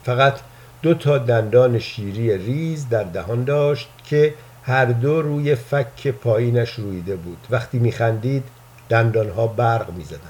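A man narrating a first-person story in a calm, measured reading voice. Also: medium pitch.

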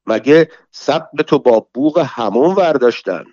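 A man's voice: medium pitch, expressive, darkish tone, no room sound, natural voice. A self-important town guard, played by a male reader, talking down in a bossy, mocking way. The sound is muffled and lo-fi, with a dry, close feel.

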